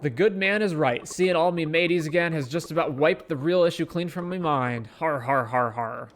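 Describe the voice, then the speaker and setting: A man voicing a gruff old pirate captain in a growly, put-on pirate drawl. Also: fairly high pitch, normal speed, natural voice. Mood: swaggering. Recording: game music underneath.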